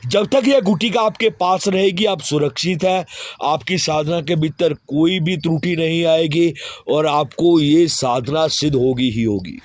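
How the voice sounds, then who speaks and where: A man explaining a ritual step by step, directive, and constantly filling pauses with a repeated "okay". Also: on the high side, dry recording. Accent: Hindi. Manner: fills pauses with repeated "theek hai". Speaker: occult ritual instructor. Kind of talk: spoken ritual instructions.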